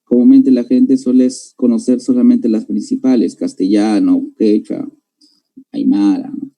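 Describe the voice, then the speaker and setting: Very dark-voiced Peruvian teacher, man. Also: medium pitch, fairly even intonation, a little slow, rough recording. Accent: Peruvian Spanish. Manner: explanatory, tags sentences with "¿no?" and addresses students directly. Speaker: language teacher. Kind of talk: classroom lecture.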